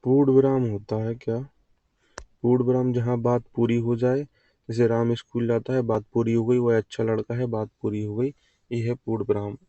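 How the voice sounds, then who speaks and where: A man's voice: mid-range voice, flat delivery, moderate pace, dark tone, no echo. A man teaching an exam-prep grammar lesson, asking questions and answering them himself in a call-and-response way. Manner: quizzing, call-and-response delivery. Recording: dull lo-fi sound.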